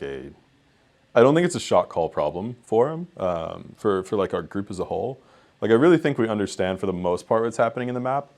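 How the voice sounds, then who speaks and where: A man's voice: on the low side, a little mellow. A young man, an esports head coach, talking candidly in a post-match interview, full of ums and likes.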